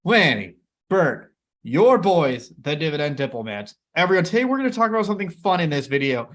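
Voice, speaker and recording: A man's voice: a little high, sing-song, fast, a bit bright. A man in his thirties co-hosting an investing chat, upbeat and joking as he rambles. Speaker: co-host of a dividend investing channel. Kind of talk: casual chat.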